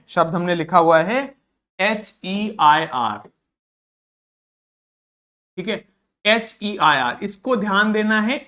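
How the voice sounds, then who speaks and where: Teacher, vocabulary lesson, asks and answers own questions, repeats words, spells them out letter by letter, even pitch. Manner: explains in Hindi, mixing in English words and read-out English phrases. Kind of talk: recorded vocabulary lesson for school students.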